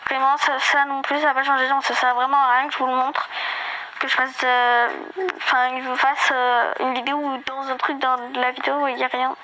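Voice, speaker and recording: A woman's voice: sits high, flat delivery, a little fast, pushed and bright, slight background noise, poor audio. A woman giving a casual, hesitant game walkthrough, full of fillers and restarts, with a slight lisp. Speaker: gaming video creator.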